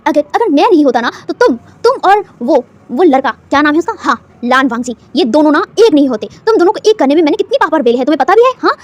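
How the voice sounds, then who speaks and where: A woman voicing a stubborn, loud elderly grandma who scolds and boasts in a storybook reading. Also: high voice, very animated, fast, few pauses. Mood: scolding.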